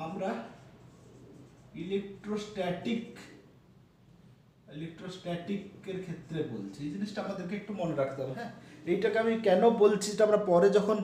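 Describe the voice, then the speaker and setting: A man's voice: high-pitched, darkish tone, a little hiss or hum. A man giving a physics lecture, explaining step by step with many fillers and checks for understanding. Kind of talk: classroom lecture. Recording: echoey room, voice from a distance.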